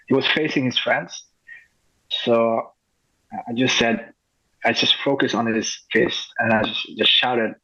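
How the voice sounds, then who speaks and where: A man talks about his photography in a relaxed interview, eager and full of small restarts. His voice is gravelly and husky, and the recording sounds dull and lo-fi. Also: medium pitch. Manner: enthusiastic, halting with frequent restarts. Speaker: street photographer guest. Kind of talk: casual interview chat.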